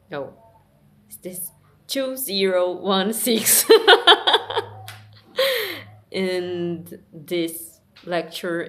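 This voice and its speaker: A Brazilian woman whose first language is Portuguese gives a personal, reflective vlog monologue in halting English. She speaks very slowly and softly in a low voice, searching for words, with many pauses and restarts.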